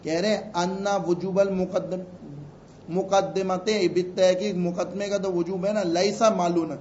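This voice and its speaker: A man teaching a class, reading Arabic phrases slowly and explaining them in a chatty, teasing way. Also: high-pitched, little pitch movement, a little mellow, slight background noise. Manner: chatty, teasing asides to students. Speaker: teacher of religious law. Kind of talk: lecture explaining an Arabic text. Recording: echoey, dull room recording.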